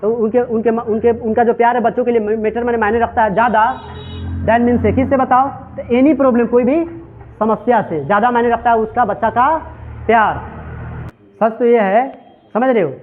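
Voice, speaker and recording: Man, high voice, English teacher, drills students with repeated questions, tinny phone-like recording. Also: fairly even intonation, normal speed, slight background noise. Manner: mixes Hindi and English. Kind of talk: classroom translation lesson.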